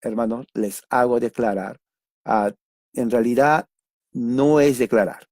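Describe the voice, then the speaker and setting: A man teaching from scripture in a relaxed, conversational sermon. He keeps checking in with his listeners through little tag questions and hesitates on fillers as he reworks his explanations. The sound is dry and close, with no room echo. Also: mid-range voice, takes it slowly. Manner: repeats and rephrases points while explaining. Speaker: preacher. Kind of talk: expository Bible teaching.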